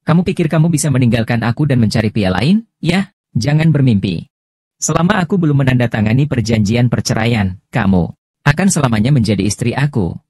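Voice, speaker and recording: A man's voice: medium pitch, lively intonation, fairly quick, darkish tone, dry recording, clean studio sound, lightly acted. A man dubbing a cold, possessive young husband in a romance drama, speaking in a controlling way.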